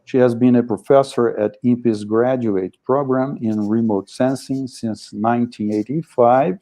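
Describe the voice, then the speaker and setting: A man chairing an academic event, speaking formal, hesitant non-native English in a polite, deliberate manner. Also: medium pitch, steady tone, warm tone. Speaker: session chair introducing speakers.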